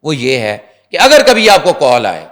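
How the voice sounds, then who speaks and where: Talk show reporter, male, animated storyteller, mid-pitched voice, speaks straight to the viewers.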